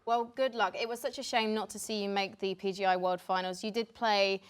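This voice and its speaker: A woman's voice: medium pitch, steady tone, a little fast, smooth. A woman co-hosting an esports news show, reading headlines and interviewing a guest in an upbeat, scripted way.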